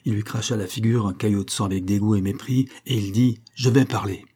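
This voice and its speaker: A man reading an adventure novel aloud in a measured, dramatic storytelling manner. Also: on the low side, fairly even intonation, mellow, breathy edge. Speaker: audiobook narrator. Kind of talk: scripted narration.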